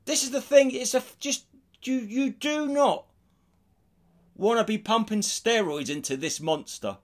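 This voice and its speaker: A man's voice: extremely high pitch, lively intonation, unhurried. A British man co-hosting a casual comic podcast, ranting bluntly and swearing freely. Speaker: podcast host.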